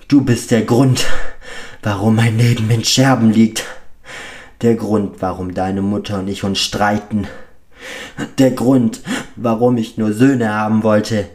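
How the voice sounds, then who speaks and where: A man voicing a furious, abusive middle-aged father who bellows his accusations loudly. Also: lowish voice, natural voice.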